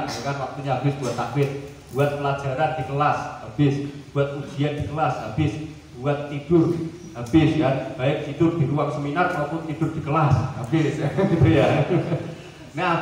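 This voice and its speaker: A man's voice: a little high, slight background noise. Joking Javanese-accented man in echoey hall. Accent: Javanese-tinged Indonesian. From Central Java, Indonesia. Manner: joking, animated, drops into playful mock dialogues. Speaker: guest speaker at a seminar. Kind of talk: lively seminar talk. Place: large hall at a boarding school. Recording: echoey hall recorded from far off.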